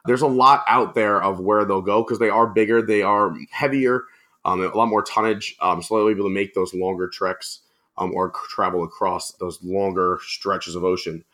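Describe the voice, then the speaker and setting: Podcast guest: friendly man, low-ish voice with a bright, forceful edge, easygoing chat. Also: fairly even intonation, moderate pace. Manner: friendly, chatty, many fillers.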